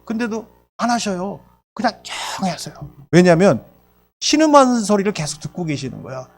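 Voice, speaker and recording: A male pastor delivering a sermon, animated and expressive. His voice sits high for a man. It moves widely up and down as he tells Bible stories and acts out their characters. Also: fairly quick.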